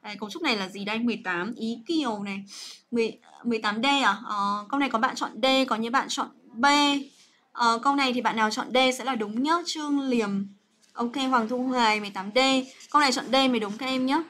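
A woman's voice: a little high, fast, fairly bright tone. A young woman teaching English grammar on a livestream, chatty and coaxing, full of fillers and checks with her students.

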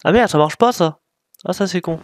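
A man's voice: high voice, normal speed, a little hiss or hum. A man giving casual gameplay commentary, thinking aloud while he plays and mocking himself with frequent apologies. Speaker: gaming YouTuber.

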